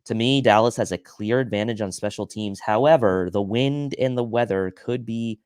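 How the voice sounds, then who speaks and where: A man's voice: lowish voice, normal speed, a little mellow, smooth, dry recording, studio quality. A man co-hosting a football pregame show, breaking down the matchup with stats in an analytical way. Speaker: podcast co-host. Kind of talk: sports pregame talk show.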